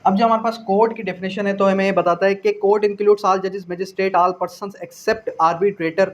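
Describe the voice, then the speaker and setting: This man's voice sits high and keeps a steady, unhurried tone. Speaking with a Pakistani accent, he delivers a didactic law lecture for exam prep, going point by point, repeating phrases, asking rhetorical questions, and slipping in English legal terms.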